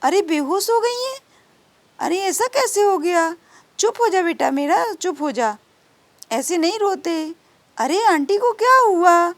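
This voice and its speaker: A woman's voice: very high voice, very animated, a little slow, dry recording, exaggerated voice. A woman voicing a caring neighbor auntie in a doll story who fusses and comforts a child. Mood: concerned. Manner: fussing, comforting.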